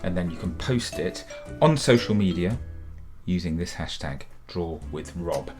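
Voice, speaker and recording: Chatty, lower-voiced man teaching kids to draw. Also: expressive, unhurried, over music. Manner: chatty, encouraging, addresses kids as guys. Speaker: children's drawing tutor and author. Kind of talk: friendly drawing lesson for children.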